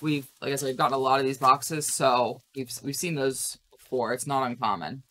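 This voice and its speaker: A woman's voice: rumbling low, steady tone, normal speed, fairly bright tone. A woman co-hosting a crafting channel, chatting casually and explaining tips for beginners while unboxing vinyl scraps in a craft room.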